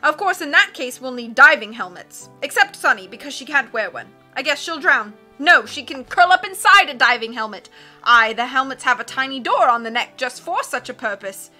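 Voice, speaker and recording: A woman voicing a blustering, excitable male submarine captain from a storybook, roaring and constantly changing his mind. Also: high voice, faint music behind, heavily acted. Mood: blustering, scatterbrained. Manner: roaring, self-contradicting, rapid changes of mind.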